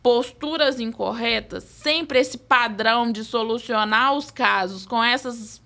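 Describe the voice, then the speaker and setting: Brazilian woman guest, a bit high and very bright, earnest, filler-heavy podcast explainer. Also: a little slow, gravelly. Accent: Brazilian Portuguese. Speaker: social services representative, guest.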